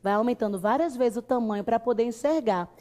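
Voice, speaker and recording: Woman, Brazilian Portuguese accent, higher-pitched, kids show host style, cheerful primary school teacher, question-and-answer delivery. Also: brisk, mellow. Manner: cheerful sing-song address to children, asking and answering questions. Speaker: science teacher for young children. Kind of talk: children's educational lesson, like a kids show host.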